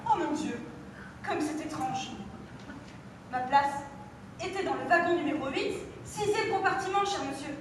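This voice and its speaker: A woman's voice: high-pitched, measured pace, long pauses, a little hiss or hum. A teenage girl playing a prim English lady in an amateur stage performance, exclaiming with exaggerated surprise, heard from far off in an echoey hall. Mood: astonished. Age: teens.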